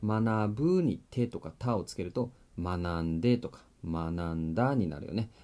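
A man's voice: lowish voice, expressive, a little slow, mellow. A man teaching a grammar video lesson, explaining step by step in a friendly way and checking in with the viewer as he writes on a board. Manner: writes on a board while talking.

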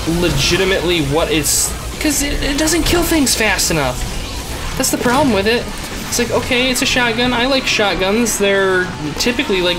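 A man giving casual, rambling gameplay commentary in a wry way. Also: high voice. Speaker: gamer commentator. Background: game music.

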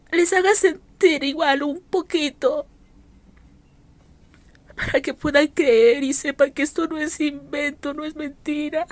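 Woman preacher, high voice, dry close self-recorded audio, pleading and insistent. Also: no echo. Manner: fervent, pleading, repeats appeals. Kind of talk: recorded prophetic exhortation. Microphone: self-recorded audio message.

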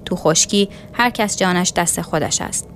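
A woman's voice: fairly low pitch, a little hiss or hum, close to an everyday voice. A woman voicing a stern, proud male ship captain in a storybook reading, speaking firmly and with dignity. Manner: firm, dignified, unyielding.

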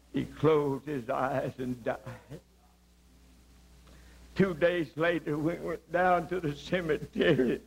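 Man, evangelist, fervent testimony sermon, high voice, slow drawn-out phrasing, dramatic shouts. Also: vocal fry, low-quality recording. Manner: dramatic, swings from quiet to shouting.

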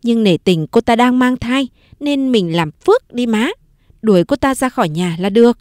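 In clean studio sound with no room tone, a woman narrator plays a sly, scheming young woman, pitching above her own natural voice. Her delivery is fairly high, lively, normal in pace and a little mellow, full of sneering, cutting remarks.

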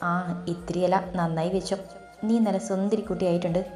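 A woman's voice: lowish voice, steady tone, a little fast, dark tone, lightly acted. A woman voicing a playful, affectionate young husband who teases his wife. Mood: teasing. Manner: playful teasing. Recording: roomy echo, faint background music.

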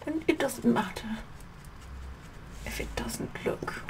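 A woman playing a vain, bossy Tudor queen in a slow, breathy whispered ASMR makeup role-play. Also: a little high, background noise. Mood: smug, sassy. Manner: slow, haughty, deliberate, repeating phrases.

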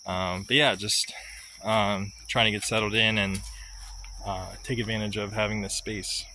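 A young man vlogging on a phone held at arm's length outdoors on a farm, talking in a halting way with many filler words. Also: fairly low pitch, level tone, poor audio. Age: young adult. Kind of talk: casual vlog. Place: outdoors on a farm, among trees and under a tin-roofed shed. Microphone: phone camera at arm's length. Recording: outdoor phone recording with loud insect noise. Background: insects and crickets outdoors.

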